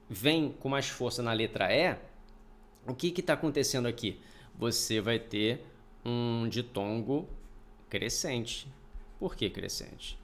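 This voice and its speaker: A male teacher giving a recorded online grammar lesson. His pitch rises and falls a lot as he explains patiently, sounds out each syllable and keeps checking that students follow. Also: creaky. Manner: explanatory, repeats points, checks in with "tá?". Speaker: Portuguese teacher.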